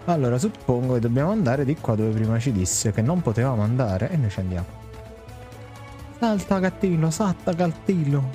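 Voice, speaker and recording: Young man, live game commentary, soft mellow tone, playful, casual, music behind. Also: mid-range voice, expressive, fast, few pauses. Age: young adult. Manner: playful, slangy, reads game dialogue aloud. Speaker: game streamer. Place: indoor room.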